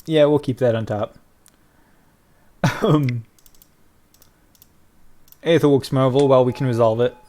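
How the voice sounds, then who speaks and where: Excitable man doing gameplay commentary. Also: medium pitch, unhurried, pauses often. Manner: excitable, swings from mutters to loud cries and laughter. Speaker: gaming video creator.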